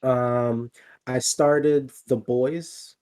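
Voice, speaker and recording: A man's voice: medium pitch, fairly even intonation, extremely slow, a little mellow. A man co-hosting a podcast, chatting casually and rambling with lots of fillers and restarts. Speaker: podcast co-host. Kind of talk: casual chat.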